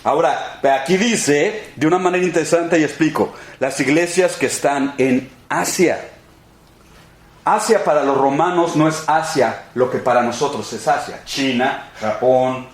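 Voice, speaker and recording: A man giving an emphatic, repetitive sermon-style Bible class in a church sanctuary. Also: mid-range voice. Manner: emphatic, repetitive, addresses listeners as brothers and friends. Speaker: pastor teaching a Bible class. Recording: echoey church room.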